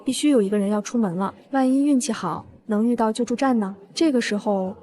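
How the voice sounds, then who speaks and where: A woman's voice: a little high, brisk, dark tone. A woman narrating a first-person revenge story in a cool, smug way.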